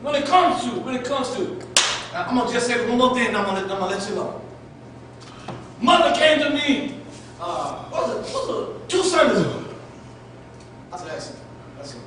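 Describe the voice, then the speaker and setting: A man preaches with a strikingly high, bright voice, pushing his phrases up into shouts. He sounds far from the mic in a very echoey church sanctuary. A faint hiss sits under the live-stream recording. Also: expressive, brisk, long pauses. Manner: fervent, repeating phrases, rising to shouts. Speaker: pastor. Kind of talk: preaching sermon.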